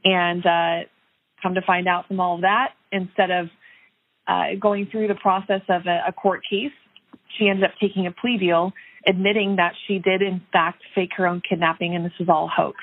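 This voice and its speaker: A woman's voice: fairly low pitch, flat delivery, normal speed. A woman investigative reporter talking through a case in a remote news interview, conversational with many fillers and restarts. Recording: tinny phone-like line.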